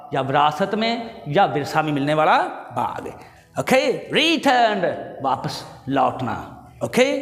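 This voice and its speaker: A man with a Pakistani accent teaching English vocabulary to students. He says each English word slowly, gives its Urdu meaning, and corrects pronunciation. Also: high voice, a bit bright, echoey room, in a large hall. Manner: corrects pronunciation and drills words.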